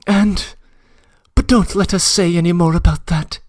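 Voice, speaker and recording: This man's high voice is unhurried and darkish, with fairly even intonation, in a dry recording. He reads a classic novel, playing a passionate young woman who pleads earnestly and tearfully in a breathless, trembling confession.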